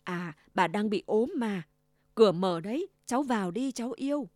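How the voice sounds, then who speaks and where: A woman voicing a sly old male wolf who growls his plans and then fakes a soft, trembling granny voice, in a storybook reading. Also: medium pitch, expressive, moderate pace, no echo, studio quality, close to an everyday voice. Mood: fake sweet.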